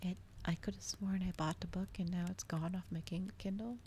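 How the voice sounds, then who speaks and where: A female ASMR livestreamer hosting a live reading speaks briskly at a fairly low pitch, keeping her intonation fairly even. Her voice is soft and gentle, frequently dropping toward a whisper, and she chats with viewers in a casual, slightly hesitant way. A regular microphone captures noticeable background noise from a crackling fire.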